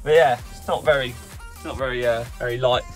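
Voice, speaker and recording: A man chats casually to his viewers while driving his truck and loading it in an open yard, switching between the cab and outside. His medium-pitched voice is brisk with fairly even intonation, and faint music plays behind his chatty, playful vlog commentary.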